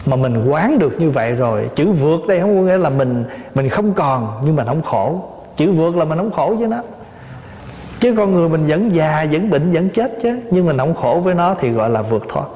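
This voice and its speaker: A man's voice: fairly high pitch, lively intonation, a little fast, mellow. A man, a Buddhist monk, giving a dharma talk to a lay audience, telling simple stories, asking rhetorical questions and adding light humor. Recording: echoey hall, dull lo-fi sound.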